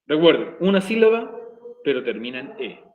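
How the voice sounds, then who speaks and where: Man, teacher, slightly high voice, slow repetitive explaining, echoey room. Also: big pitch swings, narrow, tinny audio. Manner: slow, repeating explanations step by step. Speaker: English teacher. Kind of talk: recorded video lesson.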